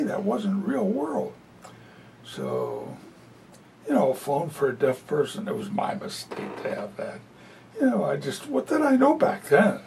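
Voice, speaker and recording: A man with a creaky, slightly mellow voice works as a sign language interpreter, voicing a presentation as live spoken interpretation of a talk. He speaks conversationally and uses many fillers. A distant mic picks him up along with a faint low rumble.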